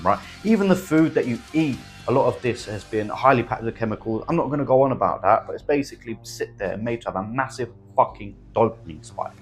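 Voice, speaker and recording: A young man, giving a blunt motivational monologue full of swearing and "bro". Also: mid-range voice. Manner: blunt, swears a lot, says "bro" and "right?". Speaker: self-improvement vlogger.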